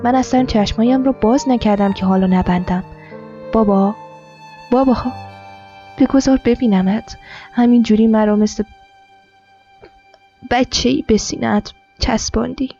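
A woman author reading her own literary story, narrating in a quiet, measured first-person voice. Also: on the high side, fairly even intonation. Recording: dull lo-fi with soft music.

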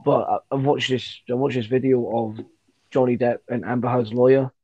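Young guy with a husky voice, swapping stories in casual banter. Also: medium pitch, little pitch movement, moderate pace, warm tone, no echo, lo-fi sound. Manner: storytelling, mimics people, swears. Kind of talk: casual chat.

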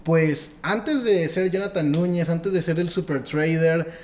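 Man, interview host, a little high-pitched, enthusiastic, praise-heavy introductions. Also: measured pace, darkish tone. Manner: enthusiastic, builds up the guest with long lists. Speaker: podcast host. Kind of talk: casual interview.

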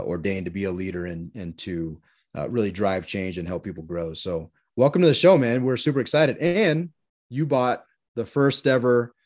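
Low-pitched and darkish in tone, this man in his forties co-hosts a podcast and opens a casual interview chat by introducing the guest. He is earnest and effusive, with lots of restarts.

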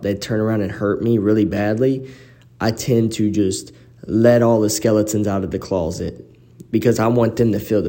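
A man's voice: on the low side, dark tone. A man hosting a podcast with casual, slangy personal storytelling, recorded on a phone in a very reverberant living room. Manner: informal, slangy, conversational. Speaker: podcast host. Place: quiet, echoey apartment living room.

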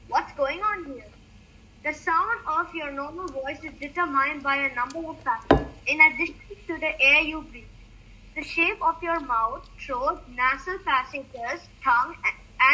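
A woman with a high, bright voice hosts an educational science series for children. She reads scripted explanations aloud with care, setting out each point as a lesson. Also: low-quality recording.

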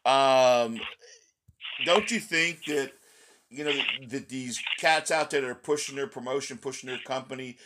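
A man's voice: mid-range voice, measured pace. A man hosting a podcast in casual interview chat, his voice scratchy from recent laryngitis, rambling with many restarts. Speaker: podcast host.

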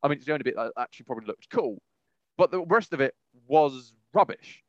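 A podcast host with a slightly high, expressive voice talks fast in a casual, opinionated chat about films, rambling emphatically and often repeating phrases. There's no echo, and the highs are cut off.

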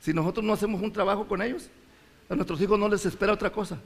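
A middle-aged male pastor, who mixes in words and preaches passion, rising to shouts and dropping low. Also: fairly even intonation, fast talker, gravelly. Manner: impassioned, rises to shouts and drops low. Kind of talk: sermon.

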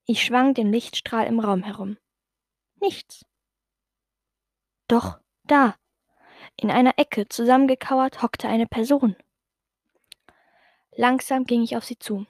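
Slow, gentle woman reading a story. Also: on the high side, dry recording, studio quality. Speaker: narrator. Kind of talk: first-person storybook reading.

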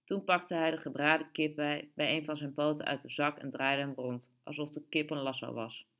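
A woman reading a story aloud in steady, measured narration. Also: sits low. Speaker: audiobook reader. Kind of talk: scripted narration.

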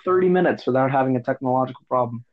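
A man's voice: mid-range voice, racing, narrow, tinny audio. A man hosting a casual podcast, rambling and teasing with lots of restarts. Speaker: podcast host.

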